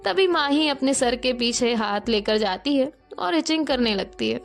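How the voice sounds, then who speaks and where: A woman narrating an audio love story in a steady, plain manner. Her voice sits somewhat high, and soft music runs faintly underneath. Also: moderate pace, gravelly.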